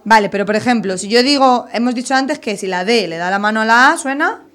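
Woman teacher, classroom lesson for little kids, slightly high, patient question-and-answer. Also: animated, quick pace, a bit bright. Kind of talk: classroom lesson with young children.

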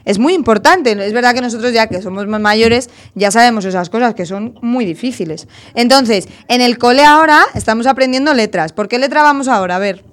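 A woman's voice: a little high, fairly quick, few pauses. Patient teacher woman quizzing young kids. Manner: patient, questioning, repeats children's answers. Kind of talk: classroom lesson with young children.

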